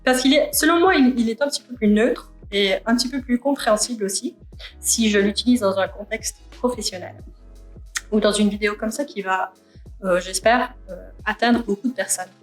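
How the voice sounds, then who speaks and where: A woman's voice: mid-range voice, moderate pace, roomy sound, faint music behind. A young woman from Canada chatting casually while doing her makeup, musing aloud with many fillers. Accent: France-style French learned in Canada. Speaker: beauty vlogger. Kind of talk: casual get-ready-with-me chat.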